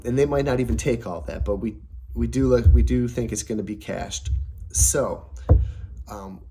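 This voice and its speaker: A man's voice: fairly low pitch, warm tone, husky. A young adult man talking casually to camera about family savings, upbeat and rambling, with many fillers and restarts. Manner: voice prone to cracking. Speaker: personal finance vlogger.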